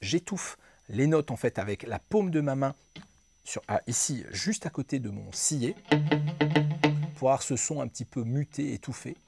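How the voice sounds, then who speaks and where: A man's voice: mid-range voice, animated, moderate pace, gravelly. A man giving a guitar lesson, explaining exercises and counting beats aloud as he demonstrates them. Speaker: guitar teacher. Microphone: close mic aimed at him. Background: clean electric guitar playing.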